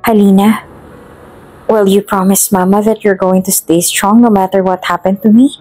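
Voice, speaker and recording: A woman voicing a tender, dying mother speaking softly to her daughter. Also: mid-range voice, steady tone, moderate pace, soft background music, lightly acted. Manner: soft, gentle, loving.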